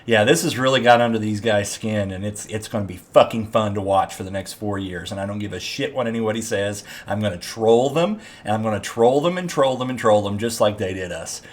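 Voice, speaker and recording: A man's voice: on the low side, a little fast, few pauses. A man hosting a political commentary show, ranting in a mocking, gleeful and profane way.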